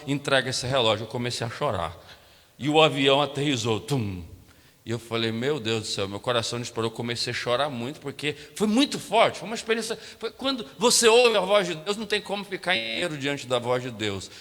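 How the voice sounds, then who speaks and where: A man preaching from a church platform with a Brazilian Portuguese accent, his voice pitched a little high and bright with forward edge. He tells his story animatedly, acting out each exchange and calling out to the congregation. The sound carries a long sanctuary reverb. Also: lively intonation, a little fast. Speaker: pastor. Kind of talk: storytelling sermon.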